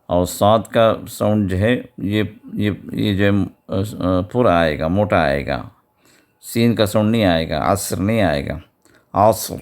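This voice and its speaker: Male recitation teacher, low and clear, explains a rule, then slowly repeats the word. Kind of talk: tajweed lesson with slow recitation.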